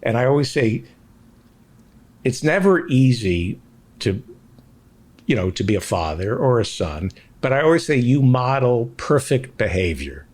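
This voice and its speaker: A male talk-show host chats with his guests in a loose, rambling way. His pitch rises and falls a lot, full of animation. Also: very animated, a little slow, pauses often, a little mellow. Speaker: podcast host. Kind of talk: casual chat.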